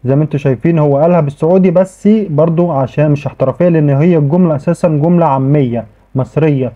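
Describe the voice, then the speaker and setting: A man whose voice is on the high side races through a casual screen-recorded tech tutorial in an Egyptian accent. He chats along, often starting his sentences over and dropping "okay" frequently. The audio sounds thin, much like a phone.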